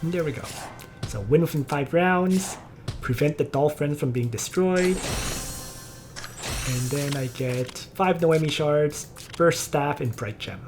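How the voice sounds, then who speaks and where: A woman giving relaxed, casual gameplay commentary, explaining her strategy step by step. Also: sits low, unhurried, over music. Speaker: game video player.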